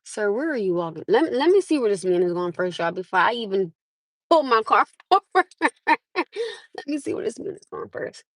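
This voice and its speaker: In a dry recording, a woman from the US hosts a casual live chat with viewers from her parked car, filmed on her phone. Her mid-range voice swings widely in pitch at a normal pace, and she laughs a lot and calls them "my love."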